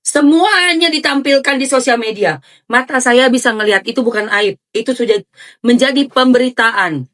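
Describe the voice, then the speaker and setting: A woman's voice: on the high side, moderate pace. A woman hosting a casual livestream, talking animatedly, scolding her chat and thanking viewers. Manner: animated, scolding, switching into Javanese phrases. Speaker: livestream host.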